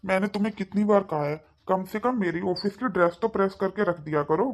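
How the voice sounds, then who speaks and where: A woman voicing an irritable young husband in a cartoon, talking in a gruff, scolding way. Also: mid-range voice, brisk, close to an everyday voice. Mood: irritated. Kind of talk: cartoon voice acting. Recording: dull lo-fi sound.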